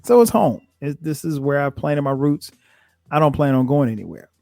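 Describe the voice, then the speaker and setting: A man in his forties, a podcast host from South Carolina, casually telling his own story in a reflective, thinking-aloud way with frequent soft chuckles. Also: a little high, very animated, moderate pace, vocal fry, no room sound, clean studio sound, faint music behind.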